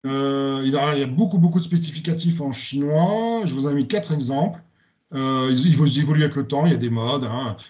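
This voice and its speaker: A man presents a lecture topic in a hesitant way, with frequent fillers and self-corrections. His voice is mellow and dark. The recording sounds dull and lo-fi. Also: medium pitch, brisk. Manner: hesitant, many "euh" fillers and restarts. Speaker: student giving a presentation.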